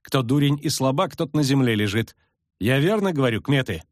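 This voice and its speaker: A man's voice: medium pitch, lively intonation, brisk, no room sound, clean studio sound, voice pushed up, lightly acted. Fierce curt woman archer, as a man reads her. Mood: furious. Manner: terse, clipped, through gritted teeth.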